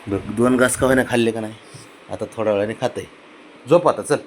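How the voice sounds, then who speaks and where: A young man, coaxing and sweet-talking his pet cat at home, repeating himself softly. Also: mid-range voice, fairly quick, a little hiss or hum. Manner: coaxing, repetitive, soft-spoken with a pet. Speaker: cat owner. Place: home, indoors.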